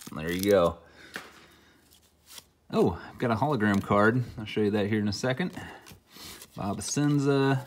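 A very low-pitched middle-aged man who sounds a bit under the weather, rambling casually through an unboxing with dry little asides. There is some background noise and handling clicks behind him. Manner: rambling, dry asides while naming cards. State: under the weather, mildly sick. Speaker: host opening hockey card packs. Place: indoor room at a table, hobby display behind.

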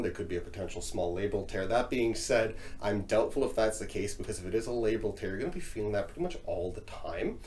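A man's voice: fairly low pitch, darkish tone. A man in his thirties talking as a chiropractor, giving clinical explanations during a hands-on exam. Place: small indoor treatment room. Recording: noisy room ambience.

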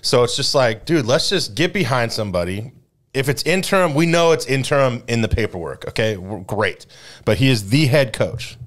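A man's voice: mid-range voice, animated, normal speed. A man co-hosting a casual sports podcast, talking emphatically and teasing his co-host.

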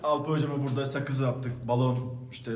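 A man's voice: mid-range voice, level tone, brisk. A man on a football panel who mocks the others playfully. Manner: mocking, playful. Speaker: football pundit. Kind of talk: casual panel chat. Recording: far from mic, loud noise, roomy.

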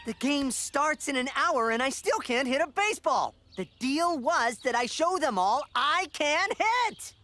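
High-pitched brash young cartoon boy. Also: animated, unhurried, hardly any pauses, pushed and bright, soft background music, full character voice. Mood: frustrated. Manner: cocky, exclamatory. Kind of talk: cartoon acting.

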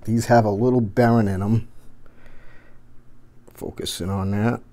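Filming on a handheld phone in his gaming room, a middle-aged tech and gaming channel host walks through a home-built setup. His fairly low, warm voice stays steady and measured while his talk is casual, rambling and full of slang.

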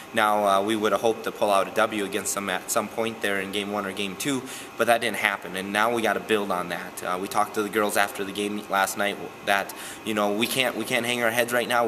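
A young man, a softball coach, answering postgame questions in an earnest, steady way with many "um" fillers, recorded indoors in a gym. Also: lowish voice, background noise. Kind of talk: postgame interview.

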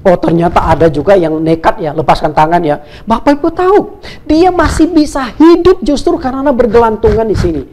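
A woman's voice: a little high, big pitch swings, fairly quick, dark tone. A woman preacher telling an illustration in a sermon, asking the congregation rhetorical questions.

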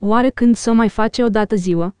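Brief: woman voicing a grave, tired king, clear, dry. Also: a little high, darkish tone, no room sound, natural voice. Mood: weary. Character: weary male warrior king, grave.

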